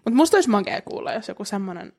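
A woman co-hosting a podcast in casual chat, telling stories and acting out what people said. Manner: animated storyteller, acts out quotes in a high voice. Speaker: podcast co-host.

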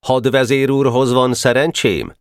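A man's voice: mid-range voice, steady tone, clean tone, no room sound, clean studio sound, pitched above the performer's own voice, lightly acted. A man reading a stiff, gloomy boy envoy. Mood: formal. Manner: formal, stiff.

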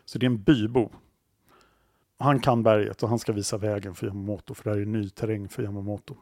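Gravelly male podcast storyteller. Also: on the low side, little pitch movement, a little mellow, no echo, studio quality. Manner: dramatic storyteller, building suspense. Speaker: podcast host.

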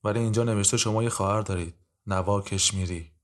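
A man voicing a stern, impatient male judge who questions in brisk, curt sentences. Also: lowish voice, steady tone, close to an everyday voice.

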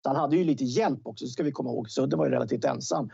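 Guy chatting hockey as a pundit, husky n mellow, rambly with little tag questions, dry lo-fi recording. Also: mid-range voice, dry recording. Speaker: studio commentator. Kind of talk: unscripted hockey discussion.

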